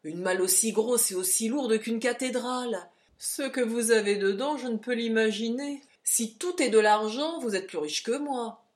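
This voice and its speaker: A woman voicing a gruff, grumbling hotel porter who mocks a guest in a storybook reading. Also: fairly high pitch, moderate pace, pitched above the performer's own voice, lightly acted. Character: grumbling burly hotel porter, sly and mocking.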